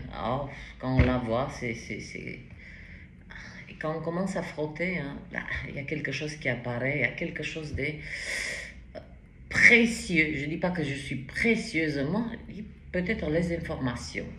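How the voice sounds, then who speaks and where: A woman's voice: deep voice, a little slow, fairly bright tone, reverberant, slight background noise. A woman giving a spoken tarot reading, hesitant and rambling, with frequent restarts and interjections. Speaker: tarot reader.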